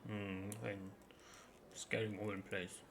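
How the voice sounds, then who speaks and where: A man voicing a big dim-witted, grudging ogre in a tabletop game, speaking in slow, halting broken sentences. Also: lowish voice, little pitch movement, noisy background. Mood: wary, simple. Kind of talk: tabletop role-play character voice.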